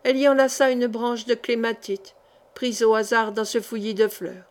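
A woman narrating a historical novel as an audiobook, in a measured, expressive reading. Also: fairly high pitch.

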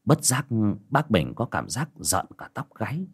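A man tells a village ghost story with a low voice that swings widely in pitch. His delivery is dramatic and expressive throughout. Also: a little slow, slightly rough.

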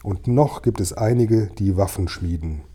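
Reading an audiobook in a low, mellow voice with a breathy edge, a man speaks a little slowly. He voices a frail, starving old man who whispers fearfully and wails in fear.

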